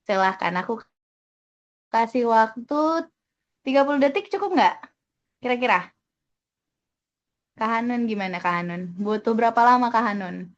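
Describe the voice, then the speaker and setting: A woman's voice: on the high side, animated, normal speed, long pauses, dull audio. A woman leading an online webinar, chatting casually and thanking participants by name as she teaches. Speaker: webinar trainer.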